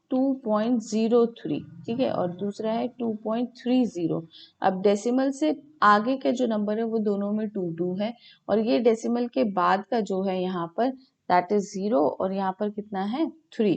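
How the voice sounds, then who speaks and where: A woman's voice: medium pitch, measured pace, creaky, darkish tone. A woman teaching maths in an online video call class, checking in with "okay" after nearly every step and answering her own questions. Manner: repeats "ठीक है" often, mixes Hindi and English, asks and answers her own questions.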